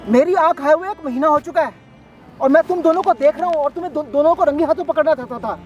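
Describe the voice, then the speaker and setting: A man's voice: very high-pitched, fast, far from the mic, lo-fi sound. A man playing a blind old husband. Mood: furious. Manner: pleading, then shouting accusations. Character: blind older husband, pleading then furious. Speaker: husband in a street skit. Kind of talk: staged prank skit acting. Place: outdoors in a park.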